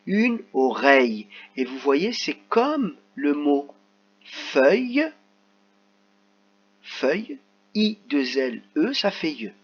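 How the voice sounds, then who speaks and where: A man teaching a reading lesson to young children, sounding out letters and stretching words slowly. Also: a little high, husky. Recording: slightly dull lo-fi sound.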